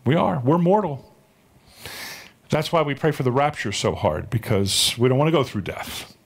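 A man's voice: mid-range voice, lively intonation, normal speed. A middle-aged male pastor preaching a sermon, telling the story and asking the congregation rhetorical questions.

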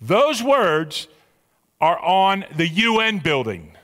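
A man's voice: high voice, very animated, slow pace, fairly bright tone. A man preaching an expository sermon, stretching key words for emphasis and putting rhetorical questions to his listeners. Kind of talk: expository sermon with scripture reading. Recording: long hall reverb.

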